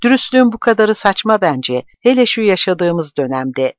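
A man voicing an agitated middle-aged man who shouts and pleads with a friend. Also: high-pitched, very animated, moderate pace, no room sound, muffled recording, pitched above the performer's own voice. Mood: urgent. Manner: shouting, trembling with anger.

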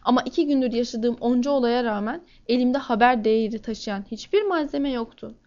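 A woman reading a first-person crime novel aloud in a steady, measured way. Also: fairly high pitch, dull audio. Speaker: audiobook narrator.

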